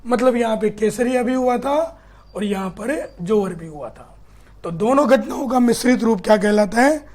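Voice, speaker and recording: Male teacher, Rajasthani accent, high voice, chatty and teasing, live online class. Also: normal speed, darkish tone. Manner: chatty teasing teacher, quizzes students and rhetorical questions. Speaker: history teacher. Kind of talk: live online class reading student comments.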